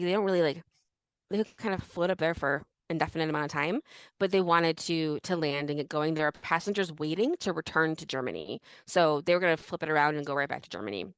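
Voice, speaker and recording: A woman's voice: lowish voice, clean tone, no room sound. A woman co-hosting a podcast in casual chat, telling the story in a chatty way full of fillers. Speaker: podcast co-host.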